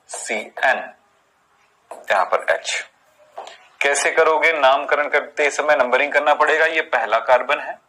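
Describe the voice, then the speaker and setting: A man's voice: a little high, sharp tone, low-quality recording. A man teaching a chemistry lesson, explaining step by step, counting carbons aloud and asking his students rhetorical questions. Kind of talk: classroom lecture on chemistry naming.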